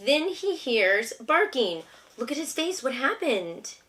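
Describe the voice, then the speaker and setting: In this clip a homeschooling mother reads a picture book aloud to her young child, asking simple questions in a patient, encouraging way. Her high, sing-song voice moves at a slow pace and has a fairly bright tone.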